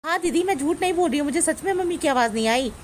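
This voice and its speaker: A woman's voice: high-pitched, animated, very fast, slight background noise. A woman playing a grumbling young daughter-in-law. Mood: defensive. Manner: complaining, muttering asides. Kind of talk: family comedy skit acting.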